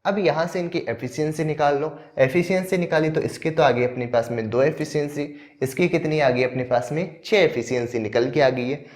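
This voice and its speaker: A man's voice: on the high side, normal speed. Man explaining maths problems step by step. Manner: explains step by step, asks questions then answers them. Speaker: maths teacher. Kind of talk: exam-prep maths lesson.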